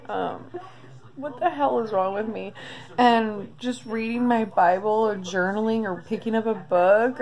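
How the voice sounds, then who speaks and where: A woman in her thirties talking through a confessional video diary, emotional and close to tears, halting with many pauses. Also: medium pitch. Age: 30s. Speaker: vlogger.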